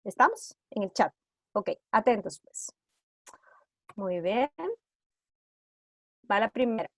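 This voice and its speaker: A woman's voice: mid-range voice, fairly bright tone, no echo. A woman leading an online workshop over a video call, putting one question after another to her audience. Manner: asks rapid rhetorical questions to the audience. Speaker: trauma-informed care workshop facilitator.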